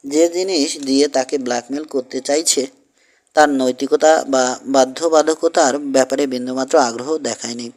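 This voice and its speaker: A man narrating a western story for an audiobook, with steady, measured storytelling. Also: medium pitch. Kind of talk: scripted narration.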